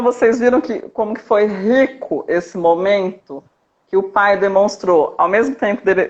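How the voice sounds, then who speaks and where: A woman family coach calmly explaining parenting in a live video chat, checking in often with her listener. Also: medium pitch. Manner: calm, didactic, checks in with "tá?". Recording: dull lo-fi live stream audio.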